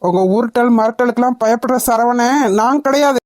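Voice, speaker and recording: A woman's voice: on the high side, steady tone, fairly quick, darkish tone, no room sound, clean studio sound. A woman voicing a defiant young man. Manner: firm, indignant. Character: defiant young man claiming his home. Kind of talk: cartoon dubbing.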